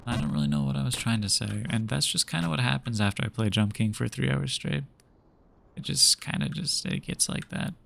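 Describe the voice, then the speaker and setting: A young man with a gravelly edge to his mid-pitched voice rambles to his viewers while gaming at home. He talks in a loose, laid-back way, trailing off and restarting often. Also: lively intonation, a little fast, fairly bright tone, a little hiss or hum. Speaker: streamer. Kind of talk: casual chat while gaming.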